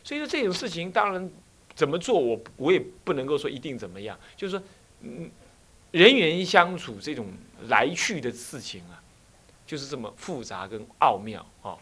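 A man with a Taiwanese Mandarin accent, an abbot, gives a Buddhist dharma talk in a fairly high voice with a breathy edge, keeping a moderate pace. His talk is full of animated stories and repeated rhetorical questions.

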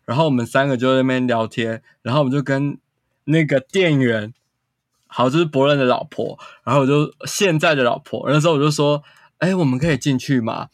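A man's voice: mid-range voice, fairly quick, dry recording, studio quality. A man, a guest casually telling a long story full of quoted dialogue. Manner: animated anecdote-telling with quoted dialogue and frequent "然后".

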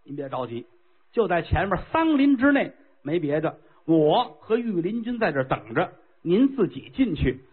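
A man voicing a sly old chancellor who speaks low, calm and drawn-out to soothe an impatient king. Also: husky, exaggerated voice. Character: sly, unhurried old chancellor, fortune-teller. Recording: tinny lo-fi phone-like sound.

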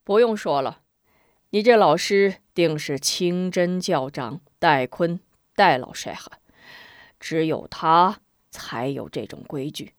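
A woman voicing an elderly, wise and genial male Shaolin abbot in a told martial-arts story, speaking slowly in a lowered voice. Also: dry recording, studio quality. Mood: amused.

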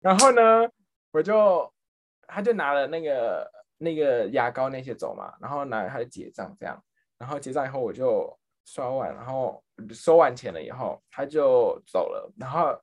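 Lively, laughing young man telling stories. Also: mid-range voice, moderate pace. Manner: animated, laughs often, mixes in English phrases. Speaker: podcast guest. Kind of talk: casual storytelling chat.

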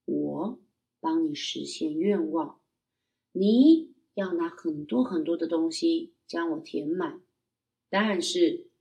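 A woman voicing a magical talking lake in a children's story, speaking slowly and low with deliberate weight. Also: a little mellow.

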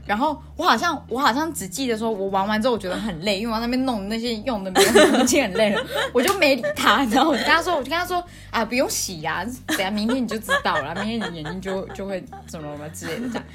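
Fast-talking, laughing woman. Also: a little high, music in the background. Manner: animated, laughs often, acts out quoted lines. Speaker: podcast co-host. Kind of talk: casual storytelling chat.

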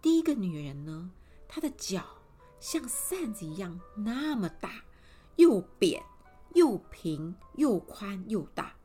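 A woman narrating a fairy tale for children, expressive and full of spoken sound effects. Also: medium pitch, takes it slowly, breathy edge, faint music behind. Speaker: storyteller.

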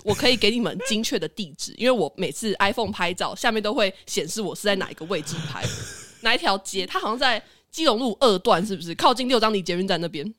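Lively fast-talking Taiwanese woman. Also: medium pitch, dry recording, studio quality. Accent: Taiwanese Mandarin. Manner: animated, chatty, quick to laugh. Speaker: podcast host. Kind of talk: casual storytelling chat.

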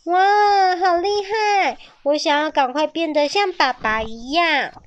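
一位女性在给孩子讲的故事里扮演一只天真黏人的甲龙宝宝，声音尖细稚嫩。. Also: female voice, a little slow, dull audio, slight background noise. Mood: admiring. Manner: high childlike pleading. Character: little baby ankylosaur, sweet, clingy, eager.

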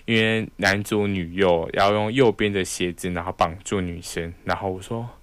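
Clear and resonant, with no room sound, a young man's low voice moves at a normal speed as he hosts a podcast. In his Taiwanese Mandarin accent he casually relates a personal story, animatedly acting out the voices he quotes.

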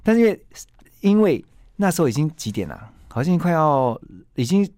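A man with a Taiwanese Mandarin accent, a guest on a radio interview, telling a story with lively acted-out quotes. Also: on the high side, normal speed, no echo, clean studio sound. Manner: animated storyteller who acts out quoted lines.

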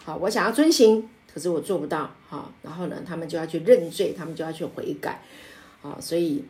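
A woman pastor teaching a Bible study, emphatic and lively, with frequent filler sounds and light laughs. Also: low-pitched, a little fast. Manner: laughs often while explaining.

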